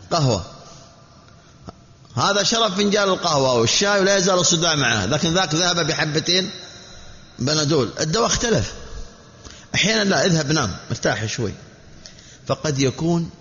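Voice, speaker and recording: A man's voice: a little high, bright, forceful tone. Preacher man in an echoey hall. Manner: measured, repetitive teaching delivery with rhetorical questions. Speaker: Islamic preacher. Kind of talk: sermon. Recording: dull echoey hall recording.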